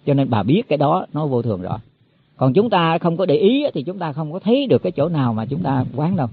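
A man delivers a Buddhist sermon in a folksy, explaining way, often stumbling over repeated words. His voice is husky and sits a little high. It comes through a tinny, phone-like, dry recording. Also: big pitch swings, fast, no echo. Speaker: Buddhist teacher.

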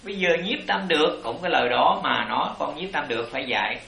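A man's voice: fairly high pitch, expressive, quick pace, vocal fry, reverberant, a crowd in the background, low-quality recording. A man teaching as a Buddhist master, explaining to his disciples in a rambling, repetitive way. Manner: rambling explanations, repeats "it" constantly. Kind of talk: dharma talk answering disciples.

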